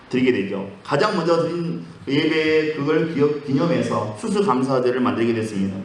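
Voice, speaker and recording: A man preaching as a pastor, mixing Bible teaching with joke stories and acting out the voices in them. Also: mid-range voice. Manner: storytelling, acts out quoted voices. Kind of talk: sermon with jokes. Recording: echoey room.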